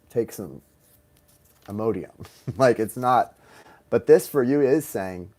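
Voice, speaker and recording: A man's voice: fairly low pitch, darkish tone. A man hosting a live tarot stream, chatting casually, reading viewer comments aloud and laughing easily.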